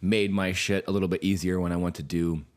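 A man co-hosting a casual podcast, talking in a relaxed, drawling way with a hoarse morning voice. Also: sits low, fast. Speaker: podcast co-host. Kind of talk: casual chat.

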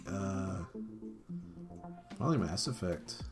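A young man with a low, gravelly voice talks casually as a podcast co-host. He hesitates with fillers and teases his co-host. Clear music plays behind him. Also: lively intonation, slow pace. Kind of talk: casual chat.

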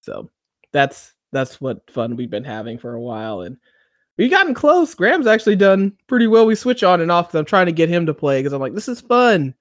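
A man's voice: fairly high pitch, wildly swooping pitch, brisk, no echo, studio quality. A man co-hosting a casual chat, recapping a TV episode in a rambling way, with lots of fillers and acted-out quotes. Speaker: podcast co-host.

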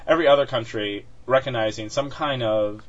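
A man's voice: medium pitch, unhurried, slight background noise. Male podcast co-host, rambling and chatty, mid-range voice, muffled lo-fi recording. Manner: chatty, many fillers and restarts, laughs often. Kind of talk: casual chat. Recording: dull lo-fi sound.

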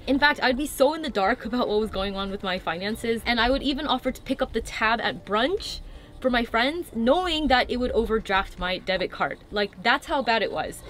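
A woman in her thirties, her voice fairly high and a bit bright, talks candidly to camera in a casual vlog, confiding in viewers. She sounds a little congested from a cold, with a faint hiss or hum.

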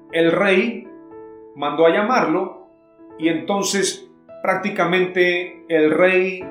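Male preacher, high-pitched voice, reading scripture then explaining it emphatically; echoey room with faint guitar behind. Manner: reads Bible verses aloud then explains them emphatically.

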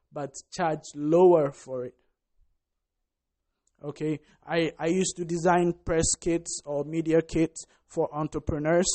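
A man's voice: a little high, dark tone. A man giving an emphatic motivational business talk, often asking "right?" and saying "listen". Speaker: business vlogger.

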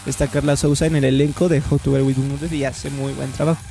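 A man's voice: mid-range voice, flat delivery, vocal fry, mellow, soft background music. A man with a Mexican Spanish accent, chatting casually and profanely about TV series he recommends. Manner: slangy and profane, slow and deliberate when recommending. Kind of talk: casual chat reviewing TV series.

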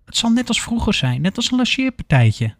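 A man's voice: extremely high pitch, big pitch swings, brisk, no echo, pitched above the performer's own voice, full character voice. Man doing eager young woman, pleading, raised voice, dry close sound.

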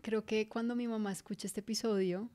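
A young woman with a mid-range voice co-hosts a relaxed podcast conversation. She speaks steadily and moves the talk along from one question to the next. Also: mid-range voice, a little fast. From Miami, USA. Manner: steady, keeps the conversation moving. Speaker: co-host. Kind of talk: casual podcast chat.

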